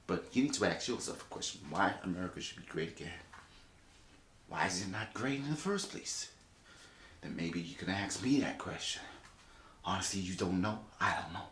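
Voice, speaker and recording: A man's voice: low-pitched, expressive, normal speed, fairly bright tone. A man musing aloud in a puzzled, casual monologue. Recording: roomy echo with faint hiss.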